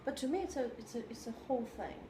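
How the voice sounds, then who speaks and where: A woman from China who speaks English, a composer answering interview questions in a thoughtful, halting way and searching for her words. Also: a little high. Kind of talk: reflective conversation. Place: room in New York. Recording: roomy sound with steady background noise.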